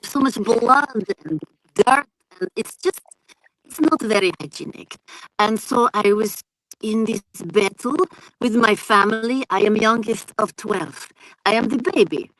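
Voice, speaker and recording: A woman's voice: mid-range voice, unhurried, a bit bright, dry recording, low-quality recording. A woman voicing a very tall young female orc warrior who is fussy about hygiene and speaks in simple, earnest phrases. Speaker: guest player.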